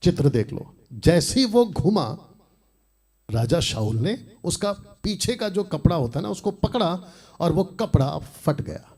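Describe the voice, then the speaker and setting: A man's voice: a little high, sing-song, a little slow, a little mellow, husky. A man preaching a sermon as host of a nightly program, reading scripture and speaking directly to his critics. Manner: combative, addresses critics directly; reads and explains scripture.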